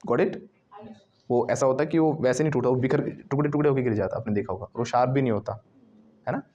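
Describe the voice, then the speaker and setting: Animated man teaching a class. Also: medium pitch, quick pace, highs cut off. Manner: animated, drills words loudly, laughs often. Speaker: English teacher. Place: classroom with students.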